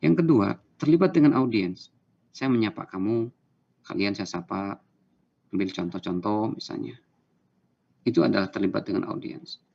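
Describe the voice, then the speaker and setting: Gravelly male lecturer, lo-fi recording. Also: lowish voice, normal speed, pauses often. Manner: explanatory, gives everyday examples, acts out short quotes. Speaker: university lecturer.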